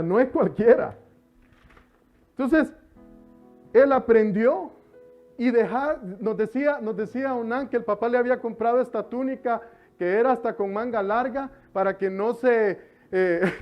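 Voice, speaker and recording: A man with a very high voice preaches a lively sermon, joking with the congregation and stretching words for emphasis. The sound is slightly dull, with soft music playing behind him. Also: a little slow, pauses often.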